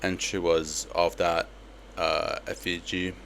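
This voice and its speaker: A young man with a slight lisp walking through a trade in a casual, relaxed way, with lots of fillers. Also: low voice, takes it slowly, vocal fry, a little hiss or hum. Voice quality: slight lisp from a palate expander. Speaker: trading educator. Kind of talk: screen-recorded trade breakdown.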